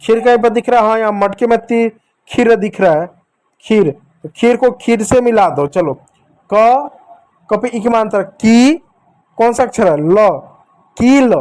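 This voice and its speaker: Man slowly sounding out letters for children. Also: extremely high pitch, darkish tone. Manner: drawn-out syllable-by-syllable sounding out; coaxing, addresses dear children, asks them to repeat. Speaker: teacher. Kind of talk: children's reading lesson.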